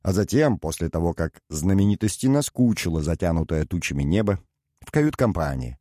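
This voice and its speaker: A man narrates a novel in an even, measured storytelling voice. His tone is low, and the recording is close and dry, with no room sound. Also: no echo. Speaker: audiobook narrator. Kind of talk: scripted audiobook narration.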